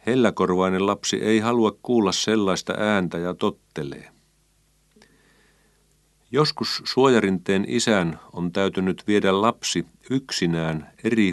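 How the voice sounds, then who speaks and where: Low-voiced man reading a children's story. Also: no room sound, clean studio sound. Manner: calm, measured reading. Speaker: narrator.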